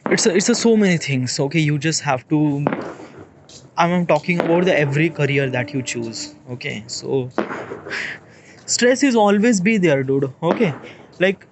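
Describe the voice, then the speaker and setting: A man in his late twenties with an Indian English accent, thinking aloud in a rambling, halting monologue and checking in with "okay?" as he goes. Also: a little high, lively intonation, noisy background. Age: 20s. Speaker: vlogger. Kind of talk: casual reflective monologue.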